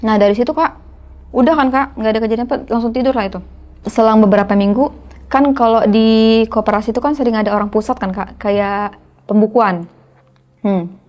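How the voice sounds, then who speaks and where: A woman's voice: medium pitch, a little mellow. A young woman, telling a horror story casually to a host, often addressing the host as "Kak". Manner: chatty, keeps addressing the listener as "Kak". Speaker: guest storyteller.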